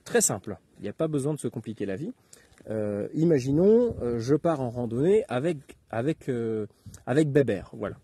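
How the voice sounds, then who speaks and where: A man giving an informal spoken tutorial as an instructor, talking haltingly with many hesitations and filler words. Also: mid-range voice, sing-song, mellow, husky, no room sound. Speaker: instructor giving outdoor radio advice.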